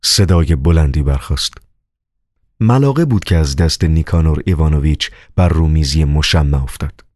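A man narrating a novel as an audiobook in an expressive reading style. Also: extremely low pitch, no room sound, clean studio sound. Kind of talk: scripted narration.

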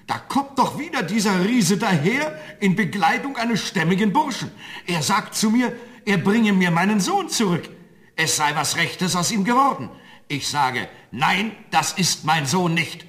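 A man's voice: sits high, very animated, a little slow, fairly bright tone, exaggerated voice. An actor playing a farmer who is the father of a giant son, in a radio play. He talks in an insistent, matter-of-fact way.

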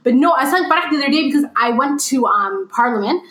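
A woman's voice: high voice, animated, quick pace, a bit bright, roomy sound, poor audio. A young Canadian woman co-hosting a casual podcast chat, telling stories animatedly and acting out the dialogue. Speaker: podcast co-host.

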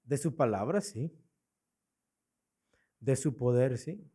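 A man's voice: mid-range voice, animated, slow, mellow, slightly rough. A man preaching a sermon in a church, asking his congregation rhetorical questions and repeating his key points. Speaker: pastor.

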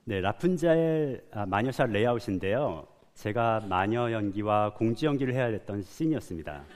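A man's voice: lowish voice, lively intonation, moderate pace, darkish tone. Man lecturing in a reverberant hall. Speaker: animator giving a talk. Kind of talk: prepared public lecture.

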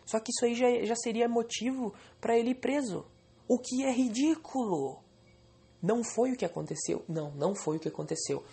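A man's voice: extremely high pitch, normal speed, vocal fry, mellow. A young man venting angrily and swearing on a solo podcast recorded alone at home.

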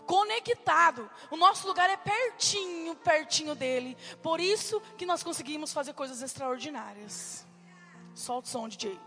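A woman preacher delivers a fervent, emphatic sermon. Her voice is very high and bright, with a gravelly edge. She is heard through the long reverb of a church hall. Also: animated, normal speed, faint music behind. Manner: fervent, emphatic testimony with sudden shouts.

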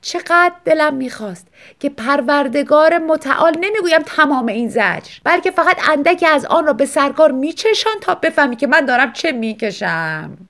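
A high, loud, moaning voice of a sickly wife around fifty, as a woman narrator puts her on. She complains in a slow, self-pitying whine throughout this audiobook story. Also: animated. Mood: bitter. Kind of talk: audiobook reading.

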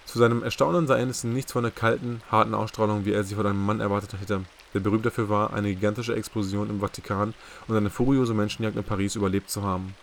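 Man, amateur audiobook narrator, low voice, measured; faint rain hiss behind. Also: flat delivery, vocal fry. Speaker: audiobook reader.

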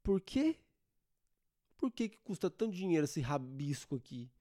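A young man hosts a casual solo podcast and rants in loose, slangy, sarcastic talk. His voice sits a bit higher than most men's. It is close-miked and dry, with no room echo. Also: very animated, normal speed, dark tone. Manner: informal, slangy, sarcastic ranting. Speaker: podcast host.

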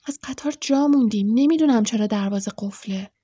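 A woman voicing an eager, excitable boy wizard in an audiobook, talking in quick, urgent bursts. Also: slightly rough. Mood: worried. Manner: quick, urgent, high-pitched outbursts. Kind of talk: audiobook character voice.

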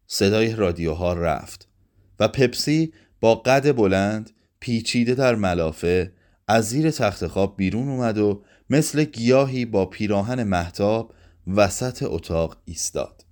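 A man reading a literary short story aloud in a measured, expressive way. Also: fairly low pitch.

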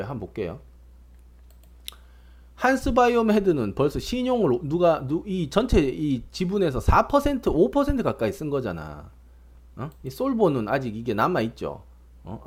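A male stock market broadcaster rambles through casual commentary and keeps checking in with quick tag questions. His husky voice swings widely up and down, and his provocative lines come out in loose, unscripted bursts. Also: medium pitch, a little mellow.

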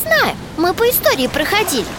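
A woman playing a curious schoolgirl adventurer in a radio drama, inquisitive and quick to plead with adults. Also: very high voice, wildly swooping pitch, noisy background, full character voice. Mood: surprised.

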